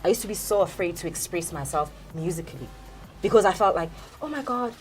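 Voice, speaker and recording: Lowish-voiced woman rapper. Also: fast, faint music behind. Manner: laughing, mixes in Zulu, emphatic slang. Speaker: rapper guest. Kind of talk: casual panel chat.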